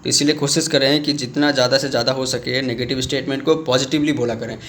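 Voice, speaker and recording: A man teaching a commerce lesson on video. He explains with everyday examples, calls his viewers friends, and acts out student questions in a lower voice. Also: fairly even intonation, fast, a bit bright, slight background noise. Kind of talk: video lecture.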